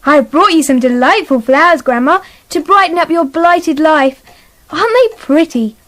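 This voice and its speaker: A woman's voice: high-pitched, normal speed, fairly bright tone. A British woman playing a prim, cheeky little girl in a comic radio play, with stagey sweetness. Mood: sweetly dutiful.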